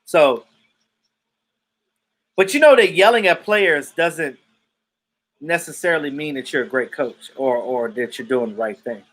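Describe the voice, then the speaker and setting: He speaks unhurriedly with frequent pauses, his voice fairly high and a bit bright. A man in his thirties from a Jamaican family, he hosts a live stream where he loosely discusses football, reads viewer comments and swears liberally.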